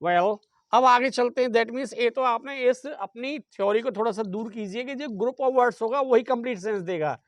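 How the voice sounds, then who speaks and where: A man's voice: extremely high pitch, a little slow, no room sound. Indian man lecturing, quizzing the class. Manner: asks the class questions and answers them himself. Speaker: English teacher.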